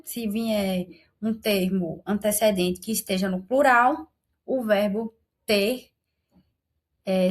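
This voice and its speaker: Slow, patient teacher woman. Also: fairly high pitch. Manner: patient, explanatory, often checks in with "né?". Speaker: Portuguese grammar teacher. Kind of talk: online grammar lesson.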